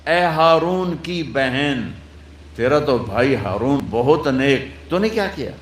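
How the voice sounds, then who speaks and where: ایک آدمی طنز کرنے والے ہجوم کی آواز بنا رہا ہے، اونچی اور چبھتی ہوئی پکار میں، گونجتے ہال میں loud speaker پر۔. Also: male voice, lively intonation, lightly acted. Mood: scornful. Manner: shrill, mocking outcry. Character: scornful crowd of townsmen, taunting. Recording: echoey hall through loudspeaker.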